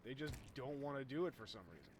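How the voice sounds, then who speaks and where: A young man talks through his gameplay in a loose, rambling way, tossing in jokes and trailing off mid-thought. His voice sits at an ordinary pitch for a man. A steady hiss runs under the whole recording. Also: fast talker. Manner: rambling, jokey, excitable at big hits. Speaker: gaming YouTuber. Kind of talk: casual gameplay commentary.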